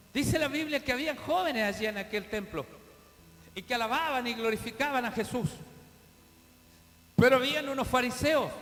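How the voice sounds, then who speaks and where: A man's voice: extremely high pitch, fairly bright tone. An older man preaching a fervent sermon, repeating his calls and addressing the congregation directly. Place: church. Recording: long reverb of a church hall.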